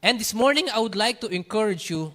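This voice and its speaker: A man with a Filipino accent preaching a sermon, animated, telling stories and switching between Tagalog and English. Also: sits high, brisk. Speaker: pastor.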